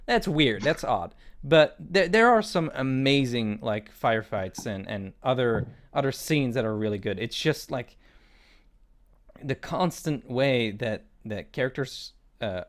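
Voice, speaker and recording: Man, podcast co-host, casual chat, very animated intonation, hesitant, frequent restarts. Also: medium pitch, unhurried.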